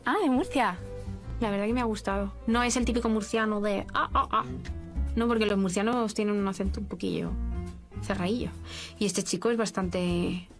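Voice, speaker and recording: A woman's voice: medium pitch, steady tone, moderate pace, faint music behind. Chatty Spanish woman from Madrid. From Spain. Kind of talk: casual on-camera chat.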